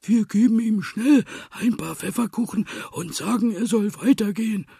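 A man's voice: sits high, moderate pace, creaky, warm tone, slightly rough, dry recording, clean studio sound, voice pushed up, heavily acted. A man voicing a timid, anxious little piglet that whimpers and frets in a storybook reading. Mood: fretful. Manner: whimpering, fretful.

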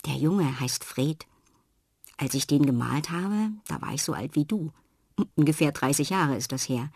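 A kind aunt from a bedtime story who speaks slowly and reassuringly, as a woman reader puts her on. Low, husky and dry, close to the mic. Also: expressive, darkish tone, dry recording, full character voice. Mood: gentle. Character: kind adult aunt, calm and patient.

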